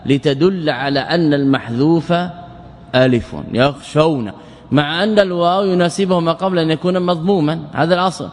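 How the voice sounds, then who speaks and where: A man teaching Arabic morphology in a lecture, repeating words slowly and asking and answering his own questions. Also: on the high side, steady tone. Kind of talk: classroom lecture explaining grammar. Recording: long hall reverb.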